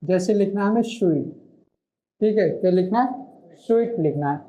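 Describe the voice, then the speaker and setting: A man's voice: high-pitched, lively intonation, normal speed, dark tone. A male shorthand teacher giving an online classroom lesson, explaining patiently and stopping often to ask and answer his own questions. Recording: muffled lo-fi recording.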